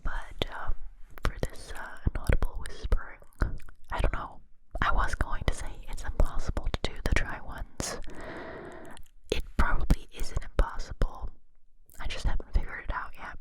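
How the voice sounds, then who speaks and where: An ASMR creator whispers barely audibly and without voicing, cupped close to the microphone, with soft mouth sounds between the words. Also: normal speed, rough recording. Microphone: close to the mic, cupped.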